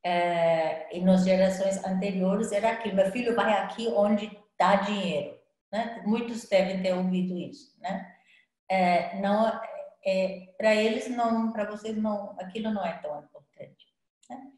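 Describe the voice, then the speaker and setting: A woman's voice: medium pitch, measured pace, dark tone. An older woman giving a casual live talk on astrology as the presenter, speaking conversationally and often adding little tag questions and fillers. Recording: very roomy sound.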